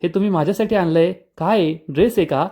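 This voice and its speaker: A man's voice: high voice, fast, mellow. A man voicing a shy, polite young woman who sounds bashful and flustered. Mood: excited.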